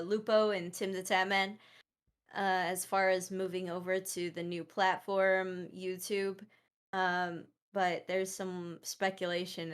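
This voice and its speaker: A woman's voice: mid-range voice, clear, resonant tone. A woman co-hosting a casual podcast, a streamer herself, chatty and hedging her points with asides and fillers.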